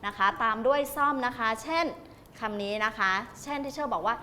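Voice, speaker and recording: A woman's voice: fairly high pitch, normal speed, slight background noise. A female primary school teacher in a classroom, patiently explaining an activity to young children. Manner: patient, gentle explaining with polite particles. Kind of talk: classroom instruction.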